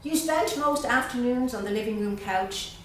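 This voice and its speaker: With a voice on the high side, a middle-aged guest poet from Dublin, Ireland, reads at a literary gathering, slow and measured with pauses. Between poems she's loose, chatty and a bit hesitant. She's picked up far from the mic in a very echoey event room, with slight background noise.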